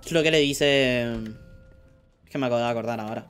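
Rambling gamer, music faint behind. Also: male voice, medium pitch, brisk, fairly bright tone, clear, resonant tone. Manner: rambling, muttering order items under his breath, swears when frustrated. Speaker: gameplay streamer. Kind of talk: casual commentary while playing.

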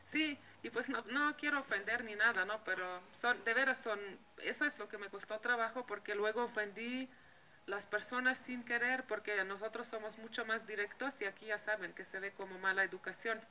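A woman's voice: mid-range voice, steady tone, normal speed, sharp tone, slight background noise, poor audio. A young woman from Slovenia with a Slovenian accent, chatting casually to camera, filling her talk with little tag questions. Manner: chatty, lots of fillers. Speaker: vlogger.

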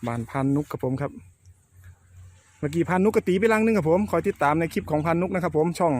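A man hosting a casual countryside vlog, talking excitedly to his viewers while hunting bees outdoors. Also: a little high, fast. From Thailand. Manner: excited, laughing, addresses viewers as brothers and sisters. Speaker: channel host, bee hunter. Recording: faint background noise outdoors.

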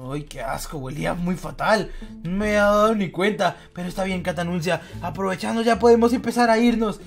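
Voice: medium pitch, fairly quick, faint music behind. A gamer improvising a comic roleplay, muttering asides and exclaiming dramatically.

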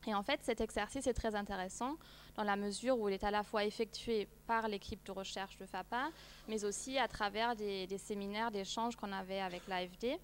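A woman in her thirties, not a native French speaker, presents a research project from a long table in a seminar room, speaking briskly in a mid-range voice with fairly even intonation. She restarts often and leans on fillers, and a little hiss or hum runs under the audio.

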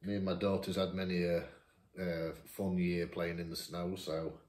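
A 51-year-old Lincolnshire man with a low, slightly mellow voice speaks at a normal speed in a level tone. Seated at his dining table, this YouTuber reads viewers' questions aloud and answers them chattily, laughing at himself. A camera across the table captures it in an echoey room.

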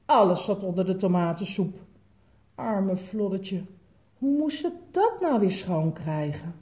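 A woman with a Dutch accent reading a picture book aloud to toddlers, telling it in a lively way. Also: mid-range voice, unhurried. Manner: lively, animated storytelling with big voice changes for quotes. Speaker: children's story reader.

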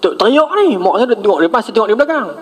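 Middle-aged male preacher, high-pitched, lively storytelling to a congregation. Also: quick pace. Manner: animated storytelling, addresses audience as tuan-tuan. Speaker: religious lecturer. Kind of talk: mosque lecture.

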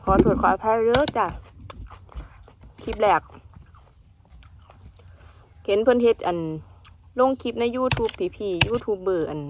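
A woman's voice: on the high side, unhurried, pauses often, slight background noise. Young woman, Isan Thai accent, chatty food vlog talk, outdoors, faint insects behind. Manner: chatty, mixes Central Thai with Isan words. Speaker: food vlogger. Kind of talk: casual eating vlog chat. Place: outdoors in the countryside in the afternoon.

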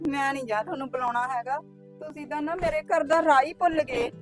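A woman's voice: high-pitched, quick pace, loud music behind the voice, natural voice. An actress playing a young married woman who tearfully pleads with her brother and sister-in-law. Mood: welcoming. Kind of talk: village drama acting.

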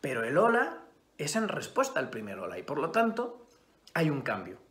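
A man from Spain teaching a theatre class, talking expressively, swinging from loud emphasis to hushed asides. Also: a little high, wildly swooping pitch, moderate pace. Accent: Spain Spanish. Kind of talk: acting class lecture. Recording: roomy echo.

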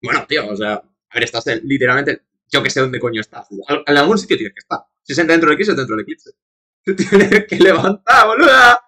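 Young male streamer from Spain; chatty and foul-mouthed, with a high, bright voice. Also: animated, fairly quick. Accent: Spain Spanish. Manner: chatty, profane, laughing asides to chat. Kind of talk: casual live-stream commentary.

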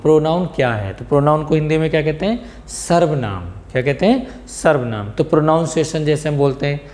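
A man's voice: fairly high pitch, a little mellow. Hindi-speaking male grammar teacher. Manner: mixes English terms into Hindi, asks and answers his own questions; checks understanding with "clear?". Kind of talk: classroom lesson.

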